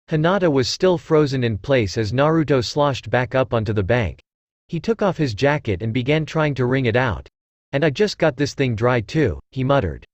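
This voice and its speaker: A man reads a fan fiction story aloud, with a pitch that rises and falls expressively. His voice is mid-pitched, and the recording is dry and close with no room sound. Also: no room sound. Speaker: narrator.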